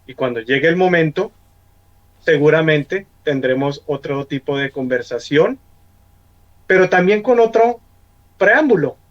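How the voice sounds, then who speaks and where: A middle-aged man with a Colombian accent speaks earnestly in a church discussion. He often repeats a word before moving on. His voice sits fairly high, and the sound is dull and lo-fi. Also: lively intonation, a little slow, pauses often. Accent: Colombian Spanish. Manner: earnest, repeats words as he searches for them. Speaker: church member on a panel.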